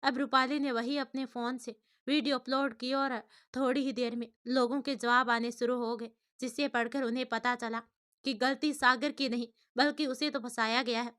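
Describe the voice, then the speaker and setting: Woman telling a family story, high bright crisp voice, steady. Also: moderate pace. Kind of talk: storybook narration.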